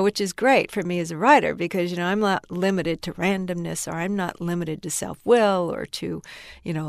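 A woman novelist speaks thoughtfully in an interview, her voice low and gravelly. The recording is dry and close, with no room sound around her. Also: dry recording. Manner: reflective, thoughtful. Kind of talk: interview conversation.

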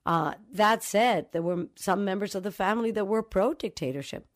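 A woman's voice: mid-range voice, moderate pace. A woman from the Dominican Republic, a novelist giving reflective, storytelling answers in an interview. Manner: thoughtful, acts out remembered dialogue.

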